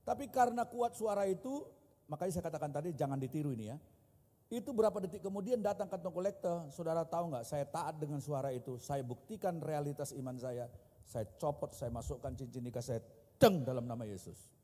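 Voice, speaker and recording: A husky, warm-toned man in his fifties preaching in a church. He tells a story and turns often to his listeners. His voice carries a long hall reverb. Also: on the high side, brisk. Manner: storytelling, addresses the congregation directly. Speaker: pastor. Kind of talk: sermon.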